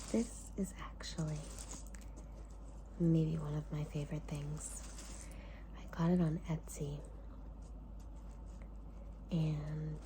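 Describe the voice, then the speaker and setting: A woman hosting ASMR in a soft, hushed whisper, speaking in short unhurried phrases with pauses between them. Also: sits low, slight background noise, poor audio. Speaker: ASMR host.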